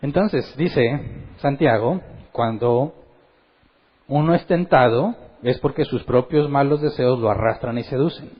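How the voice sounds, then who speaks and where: A man's voice: medium pitch, measured pace, husky, muffled recording. A man teaching a Bible study as pastor, asking his listeners questions and acting out quotes. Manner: animated, asks the audience questions and acts out quotes. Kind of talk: sermon-style Bible teaching.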